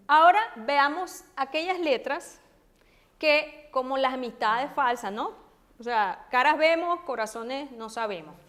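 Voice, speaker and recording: High-voiced woman teaching slowly. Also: a bit bright. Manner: slow, spells out letters and repeats words. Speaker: teacher and author. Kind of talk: language lesson at a book launch. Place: event room with an audience.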